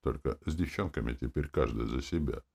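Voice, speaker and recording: A man's voice: very deep voice, a little fast, creaky, darkish tone, breathy edge, exaggerated voice. A man voicing a cocky, foul-mouthed young spirit companion who teases and swears in an audiobook. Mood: mocking. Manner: teasing, crude swearing.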